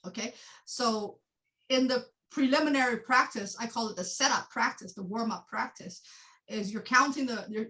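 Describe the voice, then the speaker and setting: Meditation teacher, female, high and bright voice, animated, laughs often, restarts her sentences. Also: low-quality recording. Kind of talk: classroom teaching.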